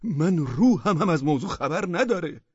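Deep-voiced man putting on a higher, shaky homeowner, indignant, husky and a bit muffled. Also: warm tone, dry recording, close to an everyday voice. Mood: angry. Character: nervous, indignant middle-aged male homeowner.

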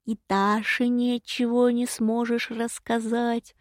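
A woman voicing a scheming, very old man in an audiobook, with a creaky, raspy voice and a slow, menacing drawl. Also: on the high side, flat delivery, dry recording, studio quality. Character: ancient scheming male villain, creaky. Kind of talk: audiobook character reading.

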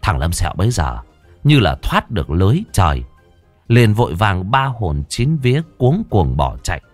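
A man's voice: lowish voice, sing-song, moderate pace, dry recording, soft background music. A man narrating a comic folk tale in a playful, exclamatory way. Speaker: storyteller.

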